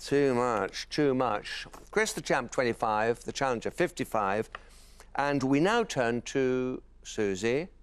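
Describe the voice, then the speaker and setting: A man's voice: mid-range voice, animated, takes it slowly. A man hosting a quiz show, with dry, teasing quips. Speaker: game show host. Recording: noisy broadcast studio.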